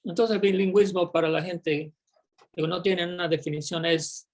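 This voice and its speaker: At a middle pitch and moderate pace, a panel moderator asks the speakers long, winding questions. Intonation stays fairly even, and the speech hesitates often, full of fillers and repeated words.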